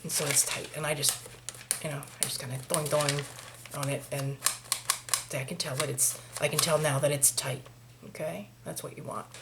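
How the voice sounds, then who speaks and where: Lower-voiced Maine woman teaching a craft. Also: level tone, normal speed, vocal fry. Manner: chatty, talks through each step, mutters asides to herself. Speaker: craft tutorial host. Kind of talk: hands-on craft tutorial. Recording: noisy home recording with clicks.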